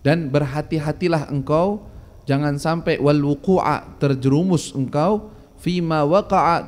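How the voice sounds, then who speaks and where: Man, fairly high voice, religious teacher; casual lesson, slow Arabic readings, punchy rhetorical questions. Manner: lively, fires rhetorical questions and reads Arabic lines slowly before explaining them. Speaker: religious teacher leading a kitab study.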